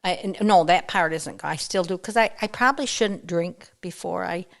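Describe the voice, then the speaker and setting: An older woman as a podcast guest, talking casually in a halting way, often trailing off and restarting. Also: fairly low pitch, vocal fry. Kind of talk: casual interview chat.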